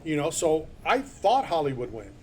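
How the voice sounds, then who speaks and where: A man's voice: a little high, sing-song, normal speed, a little mellow, slight background noise. A man hosting a sports talk show, talking in an opinionated, emphatic and rambling way. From born in Philadelphia. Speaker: sports radio host.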